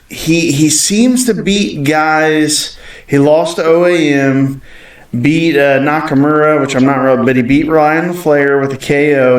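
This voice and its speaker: A man's voice: medium pitch, distant mic. A man co-hosting a podcast, giving opinionated fight picks in casual chat with frequent fillers. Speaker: podcast co-host. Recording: echoey room, off mic.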